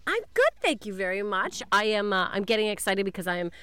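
A North American woman chats casually with a bright, forceful, clean voice. She is playful and self-deprecating, recorded close and dry. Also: mid-range voice, big pitch swings, quick pace, clean tone, no room sound. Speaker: comedian. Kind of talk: casual chat.

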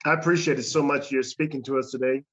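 A man's voice: mid-range voice, steady tone, fast, fairly bright tone, slightly rough, highs cut off. A man hosting a chat show, friendly and stammering a little, laughing easily. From Canada. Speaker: host. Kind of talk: casual conversation.

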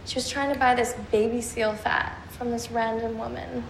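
A woman's voice: a little high, level tone, normal speed, creaky, reverberant, slight background noise, low-quality recording. An actress playing a catty, gossipy young woman in the modeling industry, from a played-back clip. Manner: mocking, gossipy.

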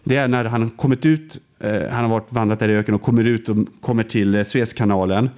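A man's voice: fairly even intonation, darkish tone. A man in casual conversation, telling a film story with restarts and fillers. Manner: storytelling, acts out quoted lines with big pitch swings; hesitant, frequent restarts and fillers.

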